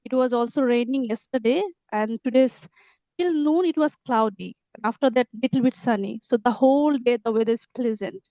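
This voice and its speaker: A woman's voice: on the high side, normal speed, dark tone, dry recording. Careful woman with an Assamese accent. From Assam, India. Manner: careful, explanatory, spells words out. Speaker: conversation partner. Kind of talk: casual chat.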